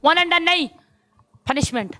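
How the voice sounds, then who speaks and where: A woman's voice: very high voice, normal speed, pushed and bright. A woman on a live phone stream, ranting indignantly and switching between languages. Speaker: TikTok live streamer in a match. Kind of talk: heated live-stream chat.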